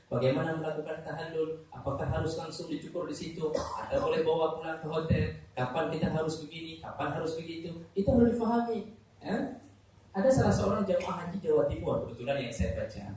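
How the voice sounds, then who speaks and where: A man preaching a lively sermon to pilgrims, telling jokes and asking the audience questions. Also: a little high. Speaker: Islamic preacher. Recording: very echoey hall, distant mic, faint noise.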